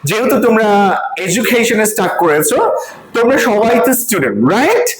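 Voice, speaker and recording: In an echoey room full of loud crowd noise, a woman teaches English pronunciation to a class, quizzing students and sounding out syllables one at a time. Her voice is fairly high with lively intonation, and she talks a little fast.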